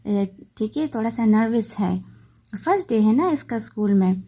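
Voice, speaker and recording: A woman teaching a textbook lesson, reading English lines slowly and then explaining them patiently. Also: a little high, expressive, warm tone, breathy edge. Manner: patient, checks in with "okay" often.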